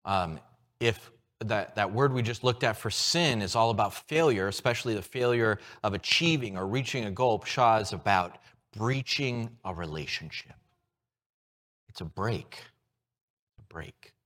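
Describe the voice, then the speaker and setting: A man preaching a sermon, moving from hushed, low lines to loud, excited ones as he acts out everyday scenes. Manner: animated, with props and shifts from hushed to loud. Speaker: pastor.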